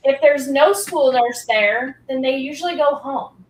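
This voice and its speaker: A woman's voice: high voice, a little slow, slight background noise. A woman guest on a podcast, explaining school nursing work in an upbeat way with many fillers. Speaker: school health program guest. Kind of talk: casual interview chat. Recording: echoey room.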